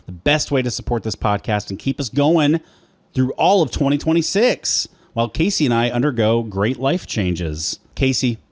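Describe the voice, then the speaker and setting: A man's voice: medium pitch, no room sound. A man co-hosting a podcast in casual chat, reading listener mail with dry, wry humor. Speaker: podcast co-host.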